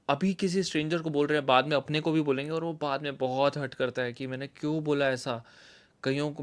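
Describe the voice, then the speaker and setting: A young man sharing a personal story, mixing Hindi with English phrases and swinging from soft to loud as he gets emotional. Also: a little high. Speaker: video host.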